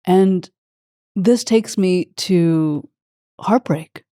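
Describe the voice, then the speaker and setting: A woman's voice: fairly low pitch, extremely slow, mellow, no echo, studio quality. A woman hosting an interview, effusive and openly emotional as she talks with her guest. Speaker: podcast host.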